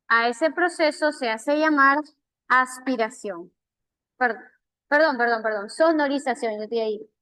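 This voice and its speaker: A female teacher with a Peruvian Spanish accent walks students through examples in a high, bright-toned voice. She takes her time and repeats the key words slowly. The sound is dry and close. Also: no echo, poor audio. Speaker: language teacher. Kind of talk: online class feedback.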